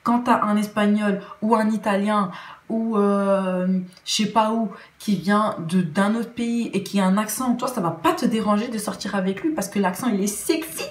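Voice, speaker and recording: A woman's voice: medium pitch, fairly even intonation, normal speed. A young Belgian woman with a Belgian French accent, talking earnestly in a casual opinion vlog, often restarting her sentences. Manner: earnest, with many restarts and fillers. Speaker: vlogger. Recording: roomy echo.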